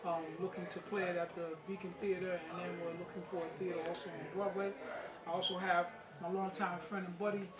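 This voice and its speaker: Loud music sits behind a middle-aged man's high-pitched, flat, fairly quick voice as he speaks informally and emphatically, plain-spoken and street-wise. He's a playwright and martial arts master in an informal spoken interview and presentation at an indoor play-reading gathering. The sound is roomy and distant-miked, with people in the background.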